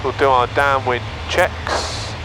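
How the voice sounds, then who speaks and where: A British man speaks as a pilot over the radio from a light aircraft cockpit. His delivery is matter-of-fact and procedural at a medium pitch. The headset audio carries clear engine noise. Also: little pitch movement, slow pace. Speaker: private pilot. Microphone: aviation headset intercom. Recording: noisy cockpit intercom audio.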